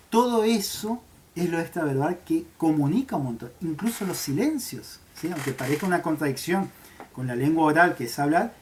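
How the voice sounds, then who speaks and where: Man, teacher recording an explanatory class, checks in often with his students. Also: a little high. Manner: checks understanding with frequent "¿sí?", gestures while talking.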